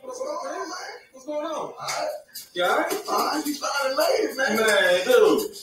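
A man in a played show clip, his voice sped up into a high chipmunk sound, greeting someone in a friendly, laughing way. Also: lively intonation, fairly bright tone. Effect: sped-up chipmunk voice from fast playback. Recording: echoey, far from the mic, faint music.

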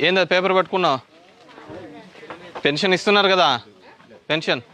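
A man, a politician going door to door, asking brisk questions and reassuring residents out on the street. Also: high voice, bright, forceful tone. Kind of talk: door-to-door conversation. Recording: crowd noise around. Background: crowd of people.

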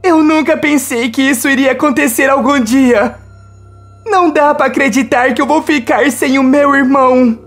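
A woman's voice: high voice, fairly even intonation, moderate pace, soft background music, pitched above the performer's own voice. A woman voicing a weeping young sister, tearful and raised. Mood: grieving.

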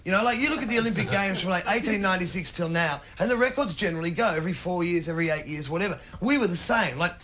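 A middle-aged man doing stand-up, telling a rambling story with sudden shouted bits, recorded live on stage. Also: high-pitched, expressive, rapid-fire, hardly any pauses, a little hiss or hum. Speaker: stand-up comedian. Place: comedy stage before an audience.

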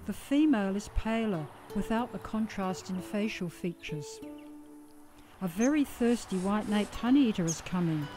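A woman with an Australian accent giving calm, scripted nature documentary narration as a voice-over. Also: medium pitch, moderate pace, music in the background.

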